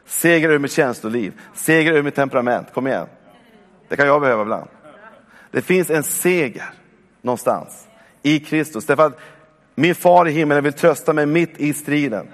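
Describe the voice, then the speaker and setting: A man in his forties delivers a sermon in a church hall. His voice carries a long reverb, and he keeps urging his listeners on with calls of "come on". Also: a little high. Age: 40s. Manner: warm, exhortative, with repeated calls of "come on". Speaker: preacher.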